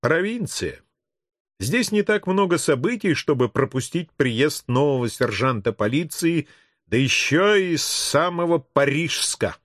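Expressive male audiobook narrator. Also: fairly high pitch, dry recording, studio quality. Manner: expressive, measured reading.

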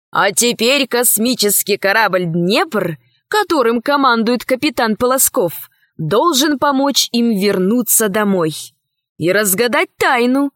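A woman narrating a children's storybook in a clear, even storytelling manner. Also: fairly high pitch, no echo, clean studio sound.

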